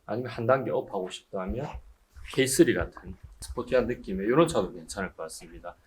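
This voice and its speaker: A man's voice: on the low side, fast talker, slight background noise. A man in his forties speaking as a used car dealer in an interview, giving assured, explanatory advice like a salesman. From Busan, South Korea. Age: 40s. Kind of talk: informal on-camera interview giving buying advice.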